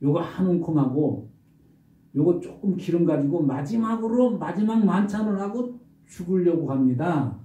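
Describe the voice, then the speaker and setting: A male pastor preaching a sermon, telling the story with lively rhetorical questions. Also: high voice, moderate pace. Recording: roomy distant dull recording.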